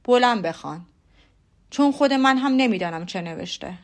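A woman voicing a dry, weary older father in an audiobook, with an unhurried delivery. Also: a little high, expressive. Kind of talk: audiobook character voice.

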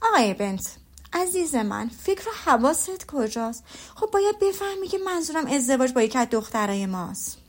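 A woman's voice: high voice, very animated. Woman doing a gushing, eager matchmaking mother. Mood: insistent. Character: chatty excitable middle-aged mother, matchmaking.

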